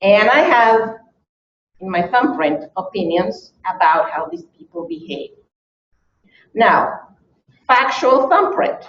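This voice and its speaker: A Chilean woman who teaches languages gives a workshop lecture on bias in a meeting room, explaining things point by point and often checking in with "okay?". Her voice is a little high and sing-song, fairly bright, and she speaks slowly with long pauses. The recording is distant, echoey and dull, with slight background noise.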